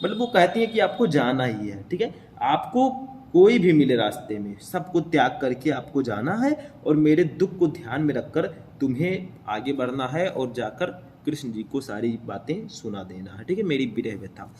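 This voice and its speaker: A man's voice: mid-range voice, sing-song, normal speed, darkish tone, slight background noise. A young man teaching a class, explaining a poem line by line and often checking in with his listeners.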